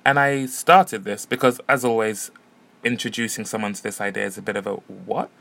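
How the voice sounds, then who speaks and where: A man's voice: lowish voice, steady tone, normal speed, creaky, a bit bright. A man hosting a podcast, chatting easily as he introduces and interviews performers at a music venue. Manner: chatty, easygoing. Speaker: podcast host. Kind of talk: casual podcast narration and interviews. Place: music venue and street outside.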